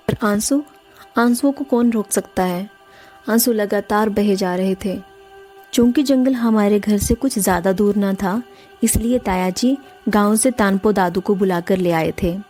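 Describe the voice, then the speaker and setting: Woman narrating her own spooky story, earnest and emotional, soft music in the back. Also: mid-range voice. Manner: earnest, emotional, addresses listeners as friends. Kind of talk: first-person horror story narration. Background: faint music.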